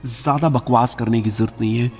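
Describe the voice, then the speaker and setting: A man's voice: medium pitch, steady tone, brisk, darkish tone, breathy edge, pitched below the performer's own voice. A man voicing a scheming, greedy young wife who talks in a cold, demanding way. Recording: reverberant voice-over with background music.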